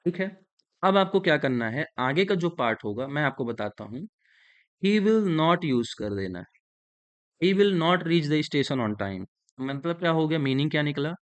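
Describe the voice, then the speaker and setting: A man with an Indian accent teaching an English grammar lesson in Hindi, slowly dictating sentences and explaining each step. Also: fairly high pitch, lively intonation.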